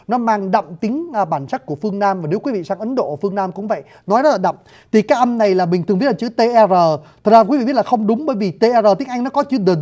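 A man's voice: high voice, warm tone. A man teaching a lesson on writing systems and sounds, politely addressing his viewers and demonstrating pronunciations. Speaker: language teacher. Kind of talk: video lesson on scripts and sounds.

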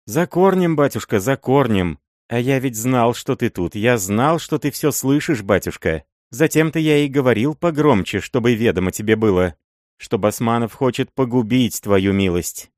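A man's voice: mid-range voice, expressive, moderate pace, a little mellow, dry recording, studio quality, voice pushed up, natural voice. A man voicing a crafty, fawning old male miller and sorcerer who wheedles and scrapes in an audiobook. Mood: pleading.

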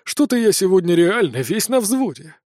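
A man's voice: high voice, very animated, normal speed, a little mellow, no room sound, clean studio sound. Man doing an edgy scheming nobleman. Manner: edgy, impatient. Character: nervous scheming nobleman, middle-aged man.

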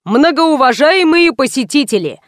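Formal fair announcer, read by a woman, ceremonious, a bit high, dry. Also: expressive, normal speed, no echo. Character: formal fair announcer over loudspeaker, male or female.

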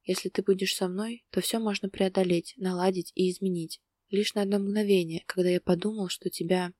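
A woman's voice: medium pitch, steady tone, fairly quick, a little mellow, no echo, studio quality, lightly acted. A woman reading the lines of a restrained man who is torn up with emotion, speaking tense and urgent in a storybook reading. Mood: tender. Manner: tense, urgent, speaking through gritted teeth. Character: distraught adult man, restrained but emotional lover.

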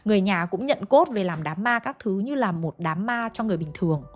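A woman's voice: mid-range voice, lively intonation, a little fast, faint music behind. A woman narrating a ghost story in a chatty way, talking straight to her listeners. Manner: chatty, addresses listeners directly.

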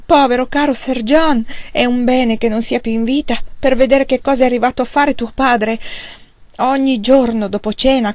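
A woman reading an audiobook, voicing an anxious, indignant middle-aged mother with shrill, plaintive exclamations. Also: no room sound, natural voice.

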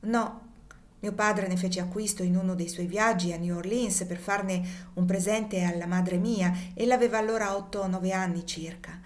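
A woman reading the part of a courteous, kindly young gentleman in an audiobook, with a polite, warm-hearted delivery. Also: mid-range voice, fairly even intonation, moderate pace, natural voice. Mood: explaining.

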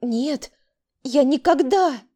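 A woman voicing a frightened, defensive younger sister who pleads and protests in a shrill voice. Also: slow, mellow. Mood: desperate.

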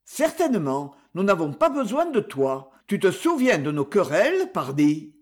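A reader playing a gruff, bullying old miller. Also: mid-range voice, big pitch swings, measured pace, a little mellow. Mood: scornful. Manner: scornful and threatening.

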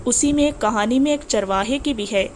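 A woman's voice: a little high, a little mellow, slight background noise, lightly acted. A woman voicing a defiant, indignant young man in an audiobook, speaking firmly and heatedly. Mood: earnest.

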